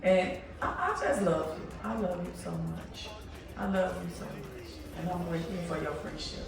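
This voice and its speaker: An effusive woman over fifty talks warmly and repeats herself in casual chat. She sounds far from the mic in a very echoey room. Faint music plays behind her. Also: on the low side, steady tone, normal speed, vocal fry. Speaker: friend on a group trip.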